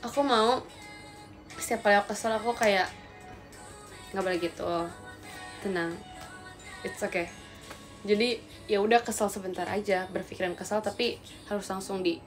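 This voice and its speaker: A woman's voice: fairly high pitch, fairly bright tone. A young woman chatting casually to her viewers on a livestream, rambling and talking to them directly. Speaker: idol livestreamer.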